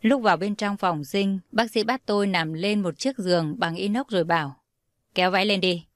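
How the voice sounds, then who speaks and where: A young woman reads a first-person story in a calm, steady voice. Her pitch sits in the middle range, and the recording is dry and close with no room sound. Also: moderate pace, no room sound.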